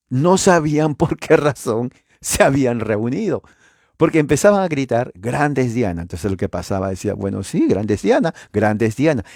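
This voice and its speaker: Male preacher, mellow warm voice, dry close sound, animated storyteller. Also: medium pitch, dry recording. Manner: chuckles while explaining. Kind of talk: sermon.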